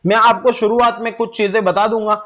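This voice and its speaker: A man's voice: high voice, level tone, fairly quick, sharp tone, muffled recording. A man teaching Quran reading who drags out each syllable as he spells words. He asks questions and answers them himself. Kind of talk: step-by-step recitation lesson.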